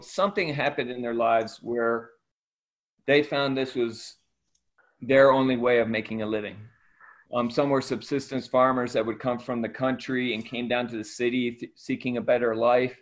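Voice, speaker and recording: Raised in Ecuador by missionary parents, this middle-aged aid worker recounts his story in a conversational interview. He speaks at a normal speed in a level, mid-range voice on a slightly dull recording.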